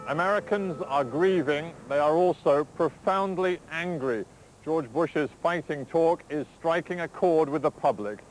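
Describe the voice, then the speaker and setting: A man reporting as a television news correspondent in a measured, grave scripted delivery, heard from a worn videotape copy. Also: mid-range voice, a little hiss or hum, poor audio. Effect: worn VHS tape copy.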